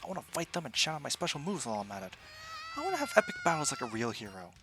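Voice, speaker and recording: A man voicing an earnest, excitable young girl superhero in a game, speaking loudly and theatrically. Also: fairly high pitch, racing. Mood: dramatic yearning. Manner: loud, dramatic, theatrical.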